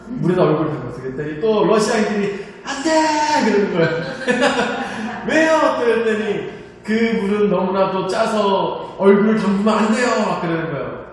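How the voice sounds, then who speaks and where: Brief: male pastor, high voice, animated storytelling sermon, distant mic in a reverberant hall. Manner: animated storytelling, laughing at himself, shouting quoted lines. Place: church hall. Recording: echoey hall, distant mic, faint hum.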